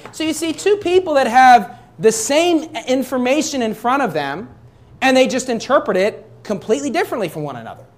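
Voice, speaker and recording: Man preaching with rhetorical questions. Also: extremely high pitch. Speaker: pastor. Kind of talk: sermon.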